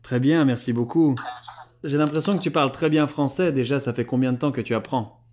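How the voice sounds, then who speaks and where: A man's voice: medium pitch, fairly quick, a little hiss or hum. A man in his thirties from France, a YouTube host, chatting friendly on a phone call and to camera in his living room, laughing often. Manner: friendly and lively, laughs often, switches languages. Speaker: YouTube host reviewing a language app. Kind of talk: casual phone chat and presenting to camera.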